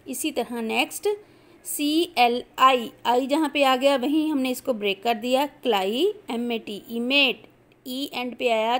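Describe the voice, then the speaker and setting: A woman teacher, slowly explaining a lesson and spelling out words letter by letter. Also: high voice.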